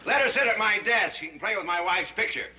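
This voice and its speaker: An actor playing a blustery bank president in an old sitcom, who shouts, then gushes in baby talk. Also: male voice, high voice, animated, quick pace. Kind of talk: 1960s sitcom acting. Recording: hissy old TV soundtrack.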